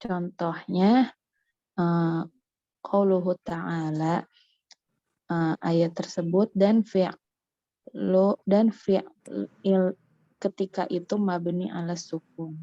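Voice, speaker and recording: A woman student reads aloud and translates a grammar text, halting with fillers and restarts, her voice breaking up over a weak online call. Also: fairly low pitch, steady tone, mellow, no echo, highs cut off. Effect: choppy call audio breaking up on a weak signal.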